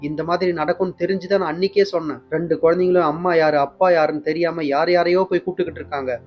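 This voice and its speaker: A man's voice: on the high side, fairly even intonation, fast talker, lo-fi sound, pitched above the performer's own voice, natural voice. A man voicing a distraught young mother in a soap recap, tearfully pleading to keep her children. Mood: insistent.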